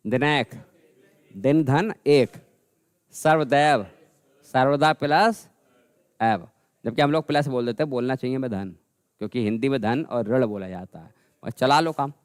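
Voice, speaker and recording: A man teaching a grammar lesson, repeating words slowly and calling his students "bhai". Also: mid-range voice, smooth, no echo. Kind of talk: classroom lesson.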